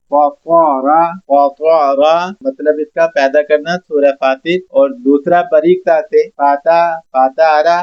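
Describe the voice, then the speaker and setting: A man with a fairly high voice teaching Quran pronunciation, repeating each syllable slowly and deliberately. The recording is muffled and lo-fi. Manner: slow, repetitive, drawn-out syllables for students to copy. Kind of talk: tajweed lesson, drilling letter sounds. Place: mosque classroom. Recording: dull lo-fi recording.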